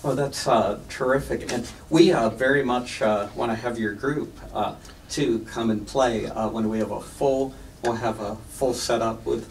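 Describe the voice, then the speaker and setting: A male radio host with a gravelly, mid-pitched voice fills his questions with frequent uhs. The voice sits a little back from the microphone, with faint noise in the background. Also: normal speed, distant mic. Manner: hesitant, many uh fillers. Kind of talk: radio interview. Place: children's museum radio studio.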